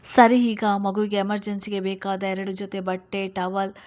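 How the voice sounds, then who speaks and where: A woman voicing a firm young woman who calms her friend and gives brisk, clear orders in a storybook reading. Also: medium pitch, close to an everyday voice. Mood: instructing. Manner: firm, commanding, brisk instructions.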